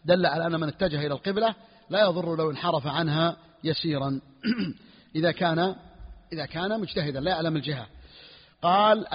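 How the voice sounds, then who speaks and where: Fast, husky sheikh teaching jurisprudence. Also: male voice, a little high. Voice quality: husky, clears throat often. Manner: repeats phrases, asks students "clear or not?". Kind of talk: classroom lesson explaining a fiqh text. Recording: dull recording with long hall reverb.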